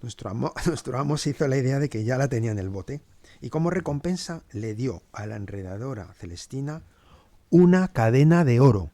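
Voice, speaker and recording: A man's voice: mid-range voice, animated, brisk, mellow, no room sound, lightly acted. A man playing Sosia, wry servant. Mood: sardonic. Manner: sardonic, dry asides. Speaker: podcast storyteller. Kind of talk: scripted two-hander narration.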